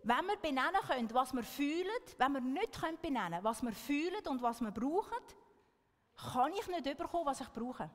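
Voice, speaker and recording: A woman's voice: high voice, lively intonation, fairly quick, long reverb tail. A woman giving an earnest talk to an audience, often checking in with a questioning "right?". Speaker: speaker.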